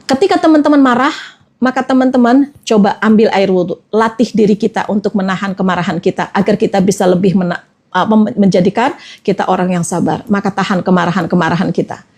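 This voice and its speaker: A woman's voice: mid-range voice, fast, a little mellow. A woman, giving an Islamic motivational talk as a trainer and coaxing her listeners with repeated phrases. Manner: repetitive, coaxing, addresses listeners as friends.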